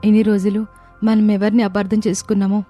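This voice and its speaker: A young woman voicing a kind, earnest daughter-in-law in an animated family story. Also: medium pitch, fairly quick, faint music behind, close to an everyday voice. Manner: earnest, warm-hearted speaking. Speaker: voice actor.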